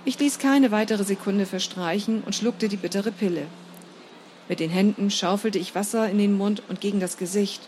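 Woman narrator, first-person story, measured, steady, mid-pitched, faint background hiss.

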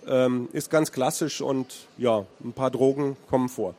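A man's voice: medium pitch, steady tone, unhurried, warm tone. German author from Hesse reading his crime novel. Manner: hesitant with many fillers when answering. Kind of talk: reading from his novel, then interview answers.

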